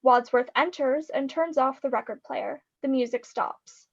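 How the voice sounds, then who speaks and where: A woman reading the stage directions aloud in a live script reading over a video call, in a steady descriptive manner. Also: high-pitched, a little slow, gravelly, dull audio.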